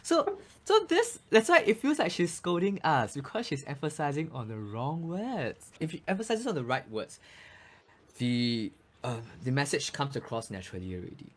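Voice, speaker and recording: A man's voice: on the high side, very animated, moderate pace, slight background noise. A man, a voice coach explaining speaking tips as a guest in a casual interview, often saying "you know".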